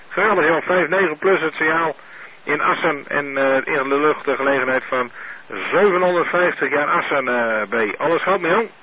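A man running an amateur radio net, heard over a two-way radio link, speaking in a steady, methodical way and spelling out call signs. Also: fairly high pitch, moderate pace. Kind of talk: radio net check-ins. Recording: narrow tinny radio with faint hiss.

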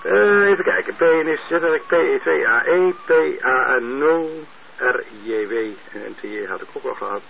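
A man's voice: on the high side, normal speed, vocal fry. A man heard over a two-way radio transmission, running an amateur radio net and reading out call signs with many hesitant fillers. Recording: narrow tinny radio with faint hiss.

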